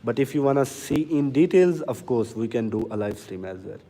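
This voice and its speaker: A man hosting a livestream to sell farm machinery, talking slowly and earnestly and answering viewer comments. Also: medium pitch, animated, warm tone, in a large hall. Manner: deliberately slow, earnest, reads out comments. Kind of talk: casual livestream talk to viewers. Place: inside a factory or showroom.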